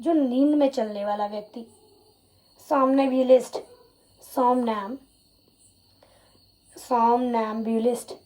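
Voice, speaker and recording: A woman with an Indian accent teaches English vocabulary for exams, spelling words out letter by letter and slipping into Hindi to explain them. Her voice sits high and sounds mellow and soft-edged. Faint crickets chirp behind her. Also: fairly even intonation, fairly quick, pauses often, rough recording. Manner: repeats "you can say" as a filler. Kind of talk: exam-prep vocabulary lesson.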